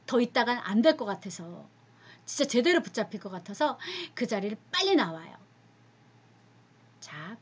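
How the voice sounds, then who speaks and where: A woman with a slightly high, husky voice teaches a youth group, telling a Bible story as a sermon. She speaks animatedly, asks the listeners questions, and at times drops to a whisper.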